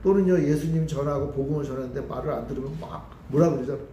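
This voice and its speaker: A man's voice: a little high, fairly even intonation, very fast, warm tone, lo-fi sound, a little hiss or hum. A man preaching a Sunday sermon as pastor, talking to the congregation and putting questions to them. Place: church sanctuary. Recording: echoey church hall with faint ambience.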